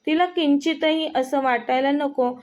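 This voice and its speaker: A woman's voice: high-pitched, unhurried, dull audio. A woman voicing a young husband, flustered and hesitant, musing to himself in a story reading.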